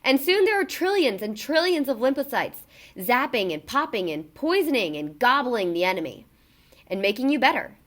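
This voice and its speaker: A children's book is read aloud at normal speed by a woman whose voice is fairly high. She gives an expressive, emphatic performance for children, with wide intonation swings and pointed word stress.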